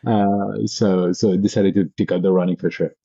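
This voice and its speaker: The speaker's low, gravelly voice carries a warm tone, a moderate pace and fairly even intonation. He's a Paris-born venture capitalist in his thirties who tells personal stories informally and enthusiastically as an interview guest. The sound is dry and lo-fi.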